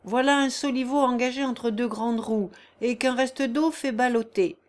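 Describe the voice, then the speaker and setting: Brief: a woman doing a cold, sardonic mill boss, loud and commanding, pitched up. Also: normal speed, natural voice. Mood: stern. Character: stern, sardonic middle-aged male mill owner.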